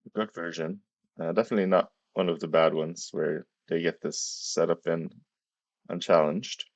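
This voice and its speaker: A low, gravelly male voice, tired and hesitant, talks awkwardly around a swollen, sore tongue. He gives quiet, casual commentary as a chess streamer. The sound is dull. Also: no room sound.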